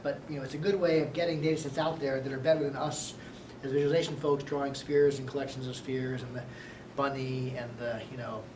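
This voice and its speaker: A man lecturing a university class, talking quickly and excitedly and often checking in with "right?". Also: medium pitch, far from the mic. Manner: fast-talking, excitable, many "right?" tags. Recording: echoey classroom recorded from afar, noisy.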